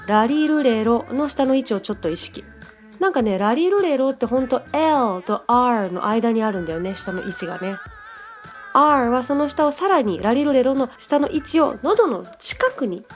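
A Japanese woman with a fairly high voice hosts a podcast lesson on English pronunciation. She talks in a chatty, friendly way and slows down to speak careful English. Faint music plays underneath. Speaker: podcast host and English teacher.

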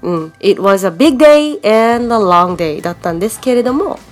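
A woman's voice: medium pitch, animated, normal speed, faint music behind. A woman from Japan hosting a podcast English lesson, explaining in a friendly, chatty way. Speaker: English teacher, podcast host.

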